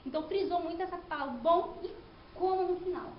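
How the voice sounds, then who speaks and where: Woman, very high voice, giving a thesis presentation in an echoey room with somewhat dull sound. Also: a little fast, a little hiss or hum. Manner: explanatory, with frequent "né?" and restarts. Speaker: student presenting her thesis. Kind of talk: academic presentation.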